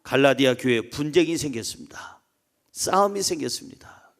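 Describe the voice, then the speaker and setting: A male pastor preaching an animated, joking sermon, swinging between loud calls and soft asides, and leading the congregation in reading aloud. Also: medium pitch, normal speed, creaky.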